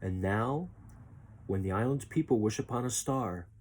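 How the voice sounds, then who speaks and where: A man with a lowish voice reads a children's story aloud at a moderate pace, narrating expressively as a storybook reader.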